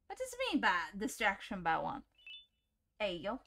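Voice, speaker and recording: A woman's voice: mid-range voice, huge pitch swings, normal speed, gravelly, a bit bright, a little hiss or hum. A woman giving casual let's-play commentary, jumpy and chatty, laughing often and talking to the game as she plays. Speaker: gaming YouTuber.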